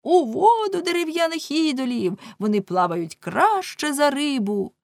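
A woman voicing a gang of rowdy male rioters chanting slogans in a high, shrill voice. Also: big pitch swings, unhurried, creaky, no echo, clean studio sound, full character voice.

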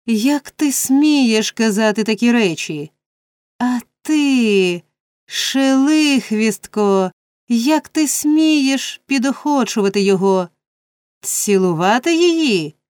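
A woman's voice: medium pitch, lively intonation, slow, darkish tone, dry recording, studio quality. A woman voicing a pompous, indignant middle-aged male parish beadle who scolds in a raised, blustering voice. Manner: blustering, scolding, self-righteous.

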